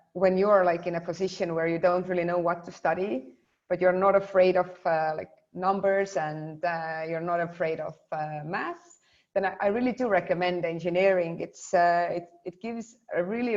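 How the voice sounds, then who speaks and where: A woman's voice: fairly low pitch, darkish tone. A woman in her twenties with an Estonian accent, presenting informally and hesitantly over a video call. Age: 20s. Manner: hesitant, halting phrasing. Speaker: guest speaker. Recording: muffled, lo-fi video call audio.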